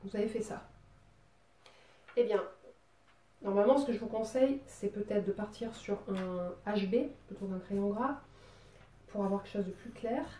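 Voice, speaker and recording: A woman's voice: mid-range voice, moderate pace, pauses often, warm tone, distant mic. A woman with a Marseille accent giving a drawing lesson in a chatty, playful way, full of fillers. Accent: southern French (Marseille). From Marseille, southern France. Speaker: drawing teacher. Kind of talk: drawing tutorial. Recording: roomy sound, voice away from the mic.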